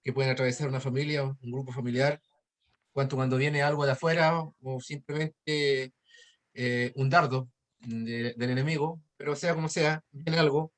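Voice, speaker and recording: A male student puts a careful question to his teacher in a middle-pitched voice. He hesitates often and fills the gaps with "eh" as he gropes for the right words. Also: fairly even intonation, moderate pace. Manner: hesitant, full of "eh" fillers.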